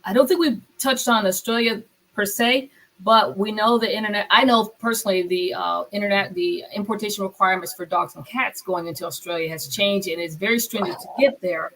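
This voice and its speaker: A woman's voice: medium pitch, fairly quick, fairly bright tone, poor audio. A woman podcast host in a casual interview, affirming her guest with frequent listening cues.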